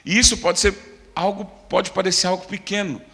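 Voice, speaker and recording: Male preacher with a Brazilian accent, higher-pitched, fervent, in a church hall with long reverb. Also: steady tone, a little fast, creaky. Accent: Brazilian Portuguese. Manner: fervent, swings from loud declarations to low quiet asides. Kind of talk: sermon.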